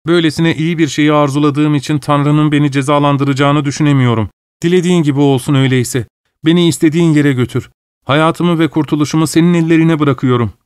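A man's voice: on the high side, fairly even intonation, quick pace, a little mellow, clean tone, no room sound, studio quality, natural voice. A man voicing Kiava, a tormented husband. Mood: relieved. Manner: subdued, grave, despairing. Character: tormented young husband, fearful and remorseful. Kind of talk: audiobook character voice.

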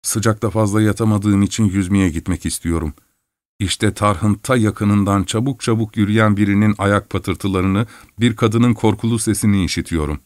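A man narrating a story in the first person, with a steady, measured reading. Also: lowish voice, no room sound, studio quality. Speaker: audiobook narrator.

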